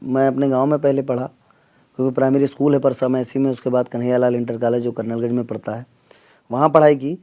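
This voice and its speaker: A man from the Gonda region, a comedian answering interview questions earnestly, with pauses and fillers. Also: mid-range voice, flat delivery, warm tone. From Gonda region, northern India. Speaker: comedian and mimic, interview guest.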